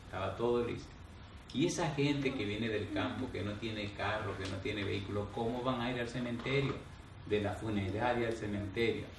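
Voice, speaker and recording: A man's voice: lowish voice, steady tone, normal speed, vocal fry, echoey room, distant mic, noisy background. A man preaching a sermon as pastor, questioning the congregation and answering himself. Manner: call-and-response questions, drops to a hushed voice in the story.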